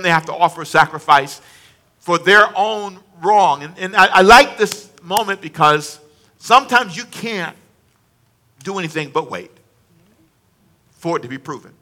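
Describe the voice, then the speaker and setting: A man's voice: high voice, bright, forceful tone. A man preaching a conversational sermon, stressing points by repeating phrases and addressing the congregation directly.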